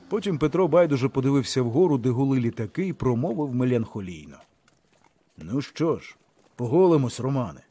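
Husky male audiobook narrator. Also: mid-range voice, warm tone, dry recording.

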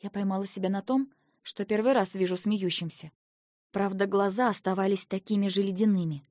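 A woman's voice: medium pitch, a little fast, no room sound. Woman reading an audiobook, dry sound. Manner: expressive, emotional reading. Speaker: audiobook narrator. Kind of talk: first-person audiobook narration.

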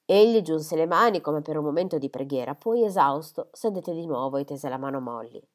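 A woman narrating a classic novel in an audiobook. Her voice sits on the lower side, and her reading is steady and unhurried. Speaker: audiobook reader.

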